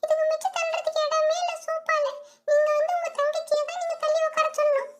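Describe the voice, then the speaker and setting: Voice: extremely high pitch, flat delivery, fast talker, soft background music. A female performer voicing a reproachful older sibling doll in a doll story play. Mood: pleading. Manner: reproachful, nagging.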